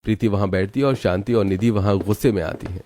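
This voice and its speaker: Low mellow male story narrator. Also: fast, slight background noise.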